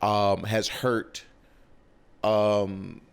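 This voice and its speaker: A man co-hosting a podcast, with a low and smooth, resonant voice. He talks casually and supportively, often backing up his friend with short agreeing sounds. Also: level tone, drawn-out words. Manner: supportive, frequent agreeing interjections. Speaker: podcast producer and co-host. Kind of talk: casual chat.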